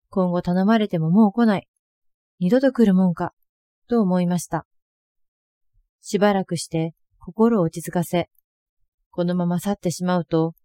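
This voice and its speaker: An older woman reading her own first-person account aloud, in a steady, earnest storytelling manner. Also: lowish voice, no echo. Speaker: narrator of a personal testimony.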